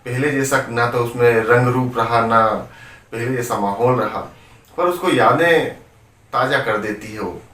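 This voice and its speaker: A man's voice: medium pitch, unhurried, fairly bright tone. A male spiritual storyteller tells a motivational devotional tale in a conversational tone and keeps turning to his listeners as friends. His voice sits in an ordinary middle range. He is recorded from some distance off the mic, with a roomy echo around him.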